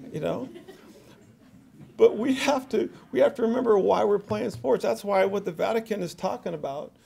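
A middle-aged man with a high, gravelly voice speaks to a reception crowd. He jokes at his own expense, repeats and restarts his words, and talks with easy conviction. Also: a little mellow. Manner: joking, self-deprecating, repeats words. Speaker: award speaker. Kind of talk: speech at a reception. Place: reception hall with audience.

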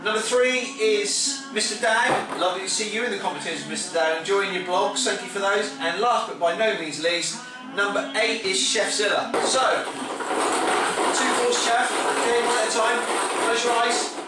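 A man in his forties hosts a prize draw, calling out numbers and names in a bright, high-pitched voice. He is recorded from far across a small office by the camera. The room is very echoey, and pop music plays clearly behind him. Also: normal speed. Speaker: website host running a prize draw. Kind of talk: casual announcing. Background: pop music playing.

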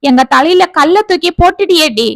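A woman's voice: extremely high pitch, animated, normal speed, vocal fry, no room sound, voice pushed up, full character voice. Furious, scolding mother of a grown daughter, read by a woman narrator; storybook voice, dry close mic. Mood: outraged. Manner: scolding, outraged.

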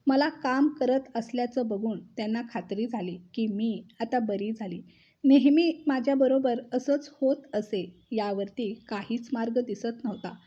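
A woman narrating a first-person family story in a steady, gently wry manner. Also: a little high, highs cut off.

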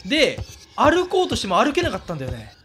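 A man commentating a horror game, excitable, talking to himself, often shouting and laughing. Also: extremely high pitch, quick pace, faint music behind.

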